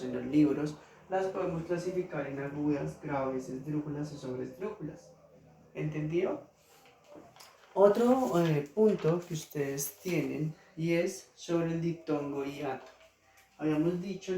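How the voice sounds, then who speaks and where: A man's voice: on the high side, a little mellow. A male teacher with a Colombian accent explaining spelling rules to children, patiently repeating each example word. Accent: Colombian Spanish. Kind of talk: slow classroom explanation to children. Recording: roomy, distant mic, faint noise.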